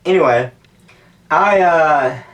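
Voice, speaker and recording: A man speaks slowly in a fairly high, fairly bright voice while sitting in an ice bath at home, rambling casually to camera for his stunt YouTube channel. He's candid and profane, jumping between thoughts, and the camera audio sounds distant and off-mic.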